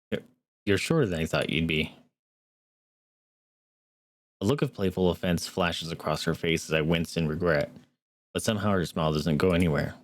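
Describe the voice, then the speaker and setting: A man's voice: low voice, dry recording. A young man streaming, earnestly reading a story game aloud and adding wry asides. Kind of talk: reading a visual novel aloud with commentary.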